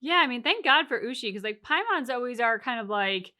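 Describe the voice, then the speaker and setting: Her voice is a little high, brisk and pushed, bright with lively intonation, as she co-hosts a reaction and casually talks through a video game story, explaining her points at length with examples.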